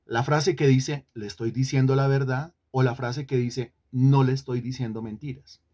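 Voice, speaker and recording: A man's voice: medium pitch, fairly even intonation, normal speed, mellow. A man leads an online Bible lesson and keeps putting questions to his students. He repeats key phrases over and over to press each point home. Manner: questioning, repeats himself for emphasis. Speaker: Bible teacher. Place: online class.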